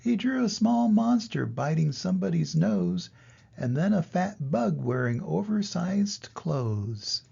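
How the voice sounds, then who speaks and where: An older man, a grandfather, reading a children's story aloud in an expressive grandpa voice to little children. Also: on the high side, slow, creaky, husky, muffled recording.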